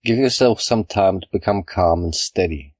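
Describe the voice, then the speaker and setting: A low-voiced man leads a yoga nidra relaxation practice in calm, measured, scripted narration. Each instruction is stated plainly with pauses in between. The guided meditation sounds dry and close, with no room sound.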